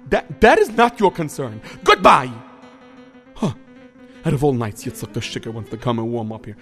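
A man playing an excitable, self-important pious man in a told story, theatrical, muttering and exclaiming. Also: mid-range voice, normal speed, soft background music. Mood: brusque, impatient.

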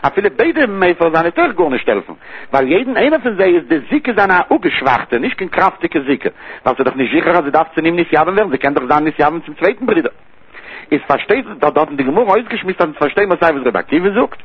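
Over a tinny phone-line recording, a man leads a traditional religious text study, chanting in a sing-song cadence and repeating key terms through the passage. His voice sits on the high side, fast and slightly rough.

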